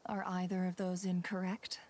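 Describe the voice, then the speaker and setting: A woman playing a cool, teasing, sly character with a dry, unhurried delivery in an anime video game. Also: fairly low pitch, monotone, crowd noise, lightly acted.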